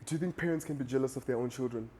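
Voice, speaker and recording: A man's voice: mid-range voice, very fast, warm tone. Earnest young South African man, casual. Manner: earnest, calls his friend "dog". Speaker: podcast co-host. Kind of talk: casual chat.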